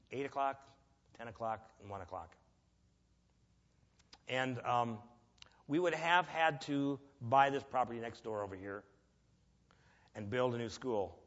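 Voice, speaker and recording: A man preaching a sermon in a church, earnest and emphatic, telling a personal story with pauses. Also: mid-range voice, fairly bright tone. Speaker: lay preacher. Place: church sanctuary. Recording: echoey church hall, dull lo-fi.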